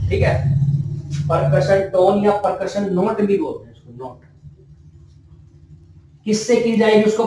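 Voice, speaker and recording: High-voiced male teacher in an echoey room. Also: a little mellow. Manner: repeats key terms and asks the class questions. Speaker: nursing teacher. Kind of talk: classroom lecture. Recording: very echoey room, mic far off.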